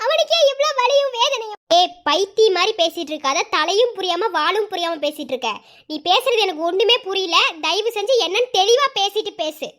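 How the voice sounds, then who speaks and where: Voicing an exasperated young husband and father in a Tamil cartoon story, a woman speaks in an extremely high, expressive, fairly bright voice at a fairly quick pace. Angry, he scolds, pleads, and keeps repeating his demands.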